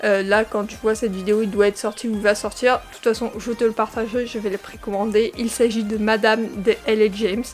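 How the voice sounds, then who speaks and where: A woman's voice: mid-range voice, little pitch movement, fairly quick, hardly any pauses, soft background music. Chatty young woman with fillers. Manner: chatty, many fillers and restarts. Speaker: book vlogger. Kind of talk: casual book talk with read-aloud summaries.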